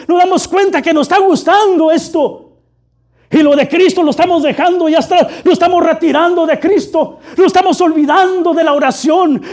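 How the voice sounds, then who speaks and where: A man's voice: extremely high pitch, darkish tone. A man preaching a fervent sermon, constantly calling his listeners brother. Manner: fervent, repeatedly addressing "hermano".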